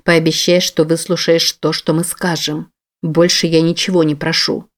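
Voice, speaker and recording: Woman doing a calm, commanding young woman. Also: low-pitched, natural voice. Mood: firm. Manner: calm, firm, measured. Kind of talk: audiobook character voice.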